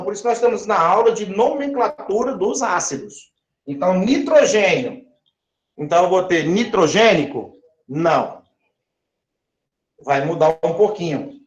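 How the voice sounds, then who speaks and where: A man's voice: sits high, highs cut off. A man teaching chemistry, drawing out words and often checking that his listeners follow. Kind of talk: recorded classroom lesson. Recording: echoey room.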